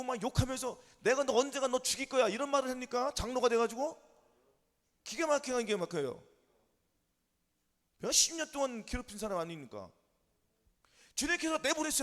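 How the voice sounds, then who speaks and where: A male pastor preaches a sermon in a very high, lively voice whose pitch leaps up and down. He talks fast and emphatically, repeats himself, and presses listeners with rapid yes-or-no questions and calls of amen. A long church-hall reverb colours the sound.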